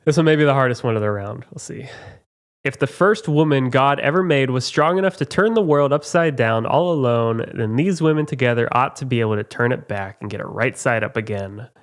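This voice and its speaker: A man hosting a casual trivia podcast, reading questions in a halting, chatty way and laughing at his own mistakes. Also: mid-range voice, animated. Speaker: trivia quiz host.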